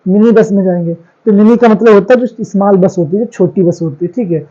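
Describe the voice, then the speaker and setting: A man teaches a grammar class in a high, mellow voice. He fires questions at the class and answers them himself, repeating each key word. The recording sounds dull and lo-fi. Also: a little fast. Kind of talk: classroom lecture on English grammar.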